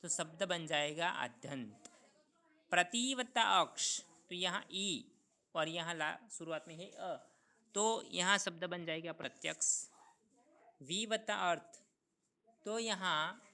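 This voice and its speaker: A man's voice: high-pitched, bright, forceful tone. A man teaching a school grammar lesson, who repeats each sound and asks his students questions that he then answers himself. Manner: repeats sounds and steps slowly. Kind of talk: recorded Hindi grammar lesson.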